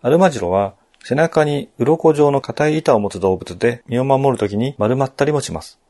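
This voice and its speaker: Man explaining a game walkthrough, polite, dark mellow voice. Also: mid-range voice, lively intonation, normal speed. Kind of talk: calm game walkthrough narration.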